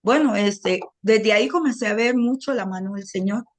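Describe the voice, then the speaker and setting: Costa Rican woman, middle-aged, mid-pitched; earnest first-person testimony with quoted dialogue. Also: moderate pace. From Costa Rica. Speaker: testimony speaker.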